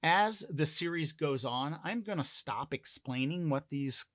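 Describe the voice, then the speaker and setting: A man telling a solo tabletop role-play adventure in an unhurried, deliberate way, letting each beat land slowly. His mid-pitched voice sounds dry and close, with no room echo around it. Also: expressive, fairly bright tone. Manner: measured, deliberate storytelling. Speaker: solo game narrator.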